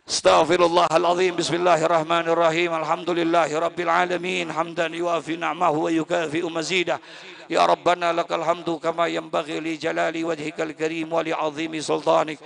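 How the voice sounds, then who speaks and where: Gravelly preacher. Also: male voice, a little high, monotone, fairly quick. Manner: swings from hushed storytelling to loud emotional outbursts. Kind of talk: storytelling sermon and Arabic closing prayer. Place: mosque study gathering.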